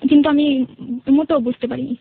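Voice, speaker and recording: A high-voiced woman with a Bangladeshi accent and some vocal fry speaks fairly quickly with fairly even intonation, telling her personal story as a radio show guest. She hesitates and repeats herself to explain, over narrow, tinny audio.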